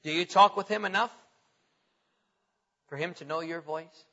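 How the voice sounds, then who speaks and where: A man preaching a sermon and reading scripture aloud, stretching his words and swinging from loud emphasis to quiet asides. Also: a little high, moderate pace. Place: church sanctuary. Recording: reverberant hall, dull lo-fi sound.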